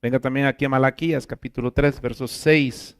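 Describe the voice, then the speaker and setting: A man preaching a sermon as pastor, emphatic, rising to loud exclamations and dropping to quiet asides, often calling his listeners brothers. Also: mid-range voice, steady tone, a little fast, smooth. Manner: keeps addressing listeners as brother.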